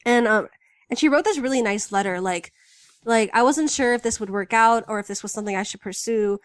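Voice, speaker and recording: A woman's voice: fairly high pitch, brisk, smooth, dry recording, clean studio sound. A woman co-hosting a casual fan podcast, chatty and enthusiastic, full of fillers. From United States. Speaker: podcast co-host.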